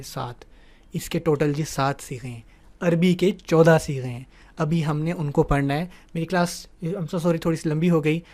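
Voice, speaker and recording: A man's voice: a little high, darkish tone. A male teacher giving an online grammar lesson. He explains patiently, checks in with the class often and mixes English words into his talk. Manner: explanatory, asks "ٹھیک ہے نا" often.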